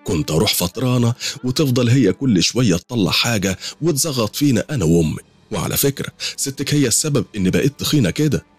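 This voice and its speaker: A man's voice: mid-range voice, lively intonation, quick pace, husky, dry recording, soft background music, voice pushed up. A man with an Egyptian accent voicing a chatty, joking middle-aged mother-in-law who talks in a raised voice. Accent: Egyptian Arabic.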